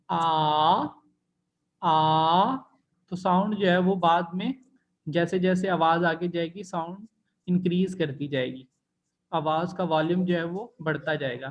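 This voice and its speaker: A man teaching an online language class, explaining patiently step by step and drawing out sounds to demonstrate tones. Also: high voice. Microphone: computer mic in video call.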